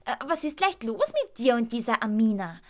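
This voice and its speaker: A woman voicing a worried eight-year-old boy in a storybook reading, speaking in a halting, anxious way. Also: a little high, very animated, a little mellow.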